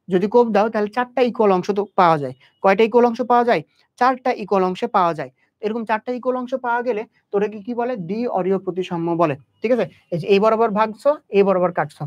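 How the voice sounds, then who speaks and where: A man's voice: high-pitched, darkish tone. A young man tutoring biology in an exam-prep lecture. He talks straight to the student and keeps asking questions that he answers himself. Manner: quizzing, asks and answers own questions. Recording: dull lo-fi audio.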